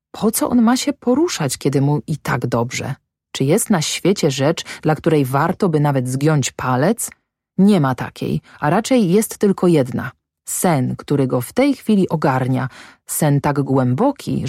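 Low-voiced woman narrating. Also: big pitch swings, measured pace, dark tone, husky, no echo, studio quality. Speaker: audiobook narrator. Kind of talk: scripted literary narration.

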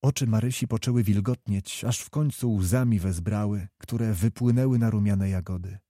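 A man narrating a historical novel in a measured, even reading voice. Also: lowish voice, no echo, clean studio sound. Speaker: audiobook narrator. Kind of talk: scripted storybook narration.

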